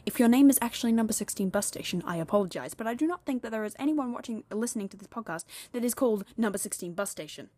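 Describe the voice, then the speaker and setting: A young woman hosting a casual solo podcast, rambling and chatty, talking fast and laughing often. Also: a little high, animated, dark tone, no echo. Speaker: podcast host.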